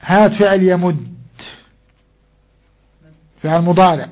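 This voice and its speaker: An older man gives a Quran lesson in a high, husky voice. He puts questions to the class and answers them himself, stretching out verses syllable by syllable. The recording is dull and lo-fi. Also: takes it slowly. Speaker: Quran teacher.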